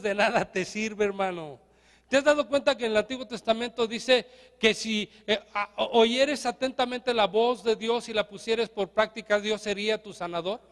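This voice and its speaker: High-voiced Mexican pastor preaching. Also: male voice, a bit bright, in a large hall. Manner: conversational, asks the congregation questions. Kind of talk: sermon. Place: church.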